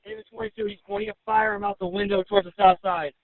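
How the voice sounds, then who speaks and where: A man's voice: high-pitched, huge pitch swings, fast, creaky, dry recording. A man working as a police officer in the field, giving terse reports over a police radio channel. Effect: police radio transmission. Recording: dry narrowband police radio.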